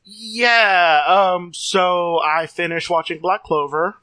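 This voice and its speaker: Excitable young guy cohosting, kinda high bright voice, swears a lot. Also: slow pace, dry recording. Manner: animated, swears casually. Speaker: podcast co-host. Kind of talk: casual chat.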